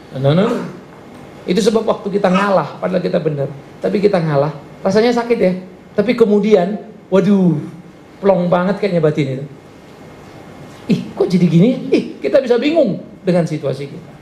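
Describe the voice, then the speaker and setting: Brief: male pastor, forceful sermon delivery, gravelly voice, roomy hall sound, faint noise. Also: high-pitched. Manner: emphatic, animated preaching with acted quotes.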